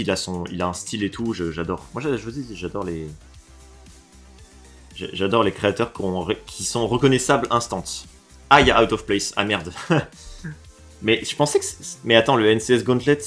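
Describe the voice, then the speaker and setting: A lower-voiced man from France reacting to game levels in a casual streamer way. He drops into quiet mumbles, then jumps up loud and excited, swearing freely. Faint music plays under his voice. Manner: animated, swears and shifts from low mutters to excited outbursts.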